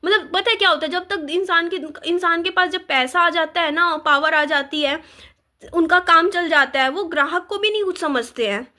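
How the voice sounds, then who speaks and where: A woman's voice: very high voice, normal speed, bright, forceful tone. A woman, telling an indignant storytime vlog with many fillers. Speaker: vlogger.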